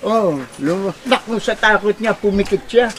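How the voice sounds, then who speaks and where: Filipino male joke teller, high voice, acts out his characters with animated storytelling. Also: measured pace. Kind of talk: casual joke telling.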